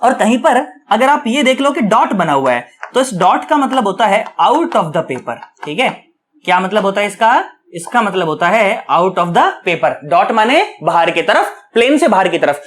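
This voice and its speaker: Male physics tutor with a fairly high voice, folksy classroom patter, quizzes and answers himself. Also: big pitch swings, fairly bright tone. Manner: asks questions and answers them himself, coaxing and chatty; repeats key words slowly for emphasis. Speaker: physics teacher. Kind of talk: online lecture, explaining at a board.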